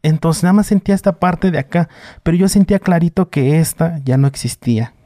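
Mexican man, twenties, mellow low-toned voice, dry close sound, rambling storyteller with lots of "este". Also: a little fast, no echo. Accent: Mexican Spanish. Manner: many fillers, vivid retelling. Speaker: guest. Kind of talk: casual storytelling.

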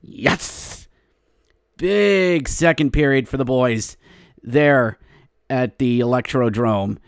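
A man's voice: medium pitch, slow pace, clear, resonant tone, no room sound, studio quality. A man hosting a sports podcast gives a casual, opinionated game recap in a wry, colloquial way with short emphatic phrases.

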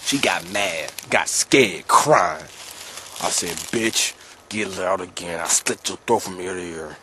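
Deep-ish male voice, hushed and matter-of-fact, recorded outdoors with faint background noise. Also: slow pace. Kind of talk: confessional monologue. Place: outdoors in the woods.

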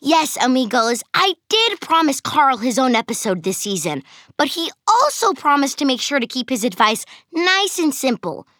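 A woman's voice: sits high, big pitch swings, moderate pace, fairly bright tone, no echo, studio quality. A woman voicing a sarcastic, easily exasperated preteen girl who hosts a podcast in a cartoon. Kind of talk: cartoon voice acting.

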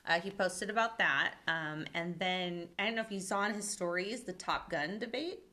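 A woman co-hosting a podcast, chatting casually, animated and quick to giggle. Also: fairly low pitch. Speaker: podcast co-host. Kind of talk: casual chat.

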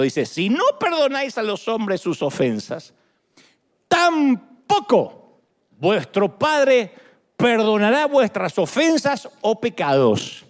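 A man preaching to his congregation. His voice sits high and swoops up and down all the time. He tells the story with jokes and an animated, playful delivery. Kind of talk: sermon.

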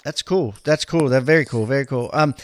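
Upbeat podcast host, dry close sound. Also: male voice, medium pitch, a little fast, no echo. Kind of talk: interview chat.

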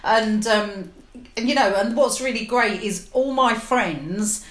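A woman's voice: on the high side, slow. A woman, a guest chatting in an interview, rambling and hesitant with many fillers. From England. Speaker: guest, comedian's sister. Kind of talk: casual interview chat. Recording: roomy echo.

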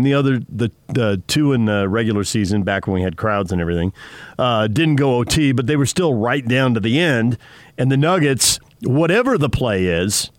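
A man's voice: mid-range voice, no room sound. A man hosting sports radio, talking through games in a conversational commentary style.

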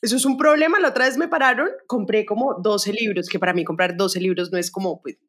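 A woman's voice: medium pitch, quick pace. A woman with a Colombian accent hosting a podcast, chatting casually and telling stories with lots of fillers. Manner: chatty storyteller with many fillers and repetitions. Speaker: podcast host. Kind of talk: casual conversation about books.

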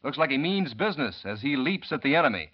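A man's voice: medium pitch, sing-song, fast. A man announcing an old-time radio advertisement with folksy, enthusiastic salesmanship. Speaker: commercial announcer. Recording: dull vintage radio recording.

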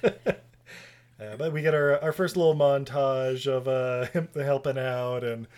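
A man in his thirties, a podcast host, casually recaps a movie with friends, laughing often, rambling, and doing silly quoted voices. His mid-range voice has a darkish tone, fairly even intonation, and a slightly slow pace. It's relaxed, casual chat.

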